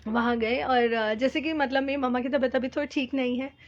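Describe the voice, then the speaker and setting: A woman telling a heartfelt devotional testimony, speaking earnestly and haltingly, with many fillers and English words mixed in. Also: sits high, fairly even intonation, highs cut off. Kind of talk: personal spiritual testimony.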